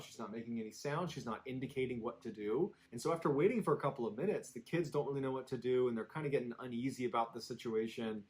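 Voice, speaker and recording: A man telling a scary story in a steady, suspenseful way, dropping low for tense moments. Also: low-quality recording. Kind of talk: scripted horror story narration.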